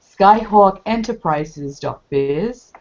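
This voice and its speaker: Woman cohost reading out a link real slow, kinda muffled call audio. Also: mid-range voice, expressive, a little mellow. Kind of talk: reading out a web address.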